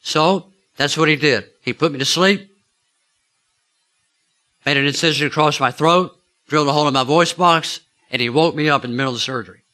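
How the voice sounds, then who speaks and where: Male preacher, slightly high and very bright voice, chatty storytelling sermon, quizzes the congregation. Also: fairly quick. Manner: chatty, asks the listeners questions.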